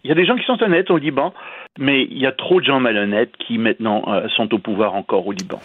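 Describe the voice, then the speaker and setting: A man's voice: mid-range voice, fast, husky, dry recording. A man calling in as a radio columnist, explaining a news item with many hesitations. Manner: hesitant, many filler sounds. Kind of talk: radio commentary. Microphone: telephone line. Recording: tinny phone line.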